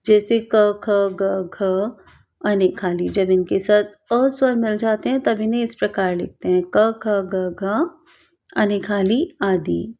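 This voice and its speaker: A woman teaching a grammar lesson, reading out example words slowly and carefully, one at a time. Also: mid-range voice, fairly even intonation, creaky, dark tone. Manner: slow, careful, spells out each example word. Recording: dull lo-fi recording.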